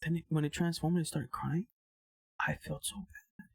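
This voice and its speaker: A man, a podcast guest, telling a story in casual chat. He is animated, swears a lot and mixes in Spanish slang. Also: on the high side, moderate pace, creaky, breathy edge, dry recording.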